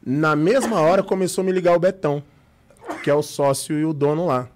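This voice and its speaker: A man's voice: on the high side, brisk, a little mellow. A young Brazilian man, a podcast guest, telling an emotional personal story in casual talk and acting out the dialogue.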